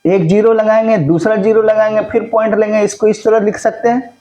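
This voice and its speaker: A man's voice: high-pitched, steady tone, fairly quick, warm tone. A man teaching a maths lesson, often checking that his students follow along. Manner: mixes Hindi with English terms. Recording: echoey room.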